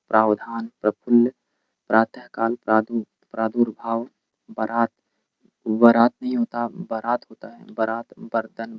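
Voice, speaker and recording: A man teaching an exam coaching lesson, rapidly reading out word lists and pointing out the correct spellings. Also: mid-range voice, dry recording, highs cut off.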